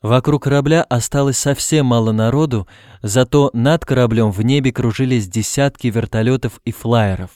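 Man, audiobook narrator, calm steady reading, middle pitch, dry close sound. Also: dry recording. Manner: reads calmly, lifts his voice for characters' shouts.

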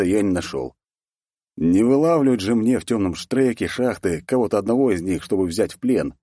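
Man, low husky voice, wry fantasy audiobook narration, dry close sound. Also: mellow, no echo.

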